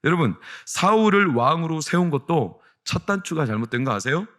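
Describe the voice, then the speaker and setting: Korean senior pastor preaching with rising emphasis. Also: male voice, very animated, fairly quick. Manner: asks the congregation questions and answers them himself; rises to loud, high emphatic peaks. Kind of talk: sermon. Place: church sanctuary.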